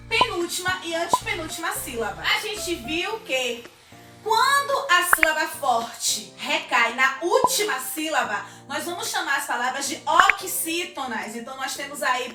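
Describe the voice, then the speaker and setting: High-voiced Brazilian teacher in an echoey room. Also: female voice, lively intonation, recorded from a distance. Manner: upbeat, drawn-out syllables when sounding out words. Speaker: primary school teacher. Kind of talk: recorded video lesson for children. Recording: echoey room, voice off-mic, music behind.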